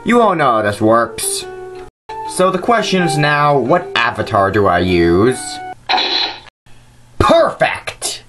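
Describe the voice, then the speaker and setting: A man's voice: medium pitch, big pitch swings, unhurried, a bit bright, soft background music. A man hosting a scripted video commentary, arguing his points in an informal way. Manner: argumentative, informal. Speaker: host of a nitpicking response video.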